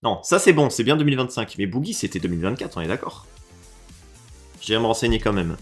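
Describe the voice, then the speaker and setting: A man from France giving casual reaction commentary on video game levels, swinging between low mutters and excited, swearing outbursts. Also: fast, soft background music. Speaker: reaction streamer.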